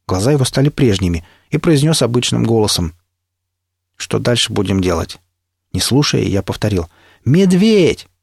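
A man narrating an adventure novel in the first person, with steady storytelling. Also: fairly low pitch, moderate pace, gravelly, slightly rough, no room sound, studio quality. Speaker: audiobook narrator. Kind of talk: audiobook reading.

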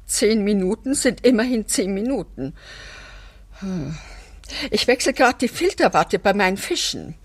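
In a German radio play, an actress voices a fussy, eccentric, fish-loving woman who lives in an apartment house and is prim, bossy, and whimsical. She gives a full character voice at medium pitch, very animated yet unhurried, with a breathy edge and a prim, insistent mood.

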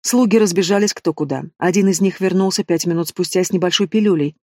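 Guy reading an audiobook, fairly high voice, dry close sound. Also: quick pace, a little mellow, dry recording. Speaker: audiobook narrator. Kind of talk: scripted narration.

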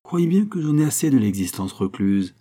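A man's voice: lowish voice, moderate pace, dark tone, slightly rough. A man reading the part of a nervous young male count, an earnest suitor who pleads eagerly and lifts his voice as he talks.

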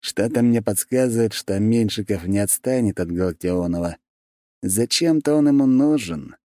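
A man's voice: fairly low pitch, moderate pace, mellow, no room sound, clean studio sound, close to an everyday voice. A male narrator voicing a cheeky, joking man in an audiobook, teasing and playful.

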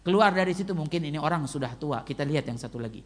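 A man's voice: on the high side, very fast. A male preacher giving a casual, joking sermon and telling stories vividly, acting out the people in them. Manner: animated storytelling, acting out the people in the story.

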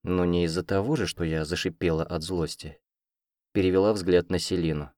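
A man narrating a fantasy audiobook in the first person, measured and even. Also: low voice, no echo, clean studio sound.

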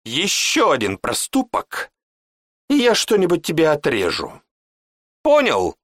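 A man's voice: a little high, normal speed, a bit bright, dry recording, clean studio sound, voice pushed up, close to an everyday voice. A man voicing a cruel, furious old male mage who shrieks and screams insults. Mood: raging.

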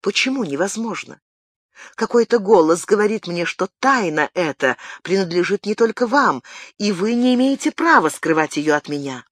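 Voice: medium pitch, animated, normal speed, dry recording, studio quality, pitched above the performer's own voice, lightly acted. A reader voicing an earnest, insistent young noblewoman in an audiobook, pleading and questioning in a raised tone. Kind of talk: audiobook character reading.

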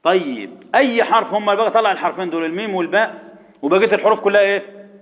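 A man with an Egyptian accent teaching Quran recitation rules to a class, firing quick repeated questions at students and chanting verses slowly. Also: high-pitched. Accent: Egyptian Arabic. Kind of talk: classroom tajweed lesson. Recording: echoey hall, dull lo-fi sound.

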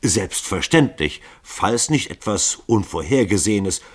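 A man's voice: fairly low pitch, expressive, a little slow, husky. A man reading a novel aloud, voicing the formal, courteous spokesman of a group of assassins. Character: formal male spokesman of a band of killers.

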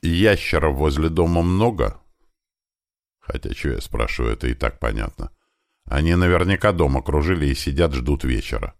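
A man narrating a first-person audiobook with steady storytelling. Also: very deep voice, fairly quick, creaky, no room sound, clean studio sound. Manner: steady storytelling with lively shifts.

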